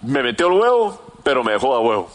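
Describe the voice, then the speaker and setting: A young man telling a story in casual, slangy chat, animated and full of restarts. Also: medium pitch, fast talker.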